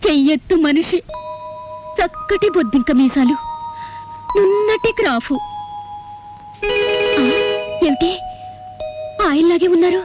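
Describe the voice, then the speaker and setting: A woman's voice: very high voice, lively intonation, slow pace, long pauses, over music, full character voice. An actress playing a middle-aged wife who scolds sharply and turns tearful and pleading over her absent husband. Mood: boastful, tearful. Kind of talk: Telugu film melodrama.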